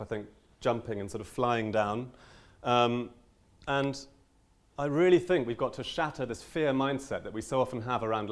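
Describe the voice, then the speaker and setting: Earnest man giving a talk. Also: medium pitch. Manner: earnest and animated, with many ums and restarts. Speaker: language teacher giving a conference talk. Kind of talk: conference talk.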